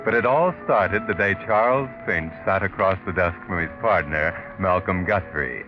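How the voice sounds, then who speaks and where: An actor playing a sinister, all-knowing narrator with a theatrical, deliberate delivery in a 1940s radio mystery. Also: male voice, low-pitched, close to an everyday voice. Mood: sardonic, foreboding. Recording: dull vintage 1940s radio recording. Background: music.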